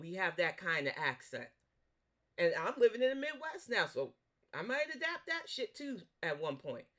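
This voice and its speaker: A woman with a New York accent giving blunt, profane, scolding commentary in a reaction video. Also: mid-range voice. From Northeast US. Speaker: commentary YouTuber.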